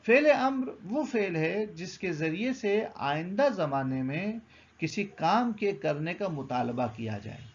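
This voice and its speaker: A man's voice: high voice, animated, muffled recording, a little hiss or hum. A man teaching a beginner grammar lesson, patiently explaining, asking questions and then answering them himself.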